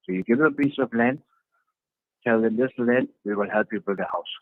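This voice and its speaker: A man's voice: mid-range voice, a little fast, no echo. A man, a party councillor, answering interview questions earnestly over a video call and repeating his points for emphasis. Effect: heard over a video call. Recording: tinny, dry video-call line.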